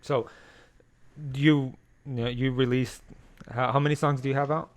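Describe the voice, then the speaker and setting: A man hosting a podcast who chats loosely, swears freely and gets excitable. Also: mid-range voice, moderate pace. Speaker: podcast host. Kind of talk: casual interview chat.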